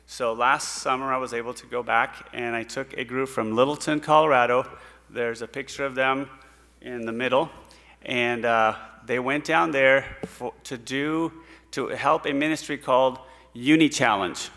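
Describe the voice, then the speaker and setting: A middle-aged Puerto Rican man tells his church congregation about mission trips in an earnest, storytelling way, unhurried and dotted with frequent "uh"s as he pauses between thoughts. His medium-pitched voice is bright and forceful with fairly even intonation, and the sanctuary gives it a long, echoing hall reverb.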